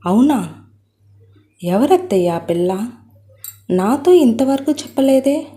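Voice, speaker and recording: Brief: a woman reading a startled middle-aged man, questions in surprise, raised pitch. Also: lively intonation, takes it slowly, dark tone. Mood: surprised. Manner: astonished questioning.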